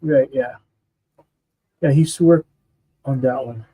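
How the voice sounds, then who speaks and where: A man's voice: medium pitch, a little slow, mellow, breathy edge, poor audio. A man co-hosting a casual art stream, rambling with lots of fillers and "you know what I mean". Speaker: co-host and illustrator.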